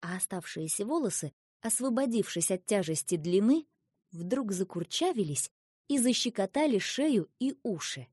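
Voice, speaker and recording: A woman narrating a children's story as an audiobook, with expressive storytelling. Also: mid-range voice, moderate pace, slightly rough, no room sound, clean studio sound.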